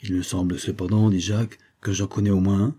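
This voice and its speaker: An earnest, slightly awkward young man in a spoken storybook reading, low and mellow, husky in tone. A man voices him close to his own reading voice. He speaks hesitantly and sincerely. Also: little pitch movement, fairly quick.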